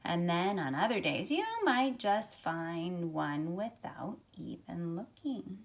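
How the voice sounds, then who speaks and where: Recorded on a phone at arm's length, a middle-aged woman with a lowish voice reads a picture book to young children indoors in a small carpeted room at home. She tells the story expressively and at a measured pace, stretching out phrases and softening her asides.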